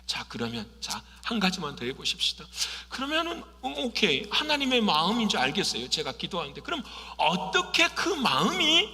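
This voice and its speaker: Male pastor, middle-aged, preaching in a reverberant sanctuary; high, very bright voice, swings loud and soft. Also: normal speed, hardly any pauses, a little hiss or hum. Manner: animated preaching, rhetorical questions with answers, swings from loud to hushed. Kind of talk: sermon. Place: church sanctuary. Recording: long hall reverb.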